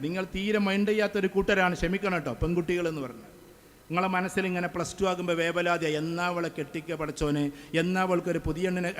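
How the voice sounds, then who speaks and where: Emphatic man lecturing students, high voice. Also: a little hiss or hum. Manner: emphatic, with repeated phrases. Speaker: motivational speaker. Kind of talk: speech to students. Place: school event hall.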